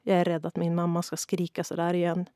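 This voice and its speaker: A woman's voice: fairly low pitch, monotone, no room sound, studio quality, close to an everyday voice. A woman voicing a shy, ashamed young boy. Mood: sad. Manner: quiet, whispering.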